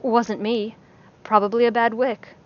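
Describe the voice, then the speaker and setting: Flustered young male magician who stammers, voiced by a woman, fairly high voice, lo-fi. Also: little pitch movement, unhurried, close to an everyday voice. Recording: slightly dull lo-fi recording.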